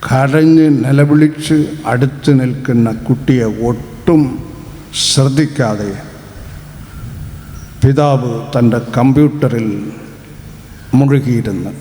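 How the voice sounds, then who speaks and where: A man translates a sermon live, phrase by phrase, in a dark, mellow voice. He takes his time with each line and sounds earnest. His words carry a long reverb in a roomy hall. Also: medium pitch, slow pace, long pauses, a little hiss or hum. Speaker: sermon interpreter.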